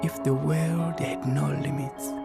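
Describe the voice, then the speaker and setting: A woman giving a dreamy, measured poetic voice-over. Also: sits low, fairly even intonation, gravelly. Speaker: voice-over narrator. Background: music.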